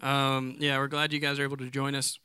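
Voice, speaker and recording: A man's voice: medium pitch, completely flat delivery, fairly quick, pushed and bright, clean tone, no echo, studio quality. A young man hosting a campus podcast, introducing the episode in an easygoing way. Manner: easygoing, laughs often. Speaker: podcast host. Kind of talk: casual chat.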